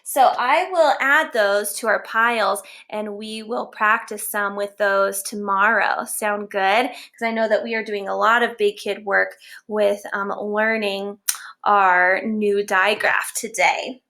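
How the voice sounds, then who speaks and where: A woman's voice: mid-range voice, fairly even intonation, slow pace, pushed and bright. A woman teacher giving a phonics lesson to young children, sounding out letters one by one and praising them as they go.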